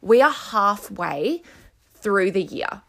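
A woman with a mid-range, slightly bright voice speaks slowly in a sing-song way, with some vocal fry. She is a podcast host and coach doing a solo show, addressing listeners earnestly and encouragingly. She records in a room at home, using headphones as her microphone.

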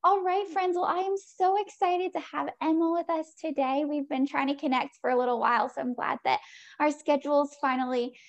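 A woman hosts a podcast interview. Her voice sits high and has a gravelly edge, and she sounds upbeat and effusive. Faint music plays underneath. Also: fairly even intonation, a little fast, muffled recording. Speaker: podcast host.

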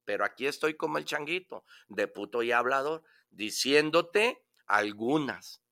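Man, motivational radio talk, forceful bright voice, emphatic, repetitive. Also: medium pitch, expressive, measured pace. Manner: emphatic, preachy, repeats phrases for effect.

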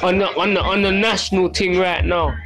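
High-voiced south London man talking street slang. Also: steady tone, a little fast. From Brixton, south London. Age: middle-aged. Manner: heavy street slang, frequent tag questions, swearing. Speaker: podcast host. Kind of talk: casual solo podcast talk. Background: music.

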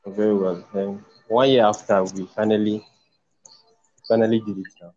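A man's voice: fairly low pitch, level tone, normal speed, a little mellow. A man with a Nigerian accent hosting a casual chat, friendly and teasing, often restarting his sentences. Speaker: podcast host. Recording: dull, dry lo-fi audio.

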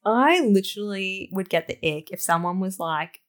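A woman's voice: mid-range voice, lively intonation, normal speed. A woman co-hosting a book podcast in casual chat, dry and sarcastic, often reading quotes from the book aloud.

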